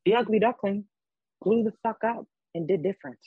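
Young male podcast host, husky and a bit high-pitched, emphatic and blunt, on a dull, muffled recording. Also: fairly quick, dry recording. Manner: emphatic, swears freely. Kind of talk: casual podcast chat.

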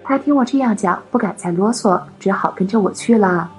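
A woman narrating a first-person story in a steady, measured reading. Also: mid-range voice, soft background music.

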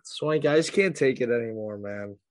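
A young man co-hosting a casual sports podcast, heated and swearing, swinging from low mumbles to loud rants. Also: moderate pace. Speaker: podcast co-host.

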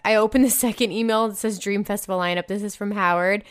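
Her voice is medium-pitched, steady, smooth and fast: a young podcast host from New Jersey, United States, with a New Jersey accent. She reads listener emails aloud and reacts with enthusiastic, slangy, casual commentary that includes some swearing.

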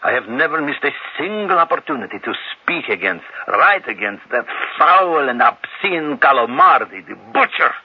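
A haunted old exiled professor. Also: male voice, medium pitch, sing-song, breathy edge. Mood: bitter. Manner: agitated, halting, emotional. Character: aging male exiled professor, anxious and haunted. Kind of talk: radio drama acting. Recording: dull lo-fi old radio.

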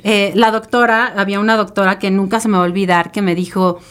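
A woman's voice: mid-range voice, flat delivery, fast, fairly bright tone, clear, resonant tone. A woman, a podcast guest telling a personal story in an emotional, rambling way with many fillers and tag questions. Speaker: interview guest.

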